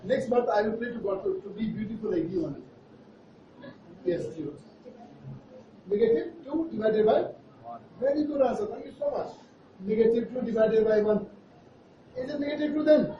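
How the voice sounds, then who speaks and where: A man's voice: very high-pitched, normal speed, pauses often. A man with an Indian accent teaching maths to a class in a playful, teasing way, checking in with questions. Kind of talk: interactive classroom lesson. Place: classroom at a board. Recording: echoey, noisy, muffled classroom, far from mic.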